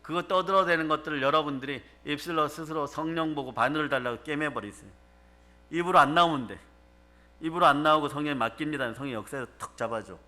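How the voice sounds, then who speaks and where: A man preaches to his congregation at a church service. His voice sits a little high and rings bright and forceful. He drives his points home and keeps calling out questions to the room. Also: quick pace. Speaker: pastor. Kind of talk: sermon. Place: church or prayer retreat hall.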